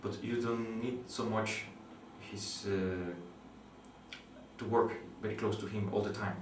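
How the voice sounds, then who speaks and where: With a fairly even intonation and a voice that sits low, a young Guatemalan astronomy PhD student works through an explanation of his research during an interview. He speaks thoughtful but halting second-language English, pausing and restarting often and using many fillers. A distant mic in a roomy space picks up faint noise.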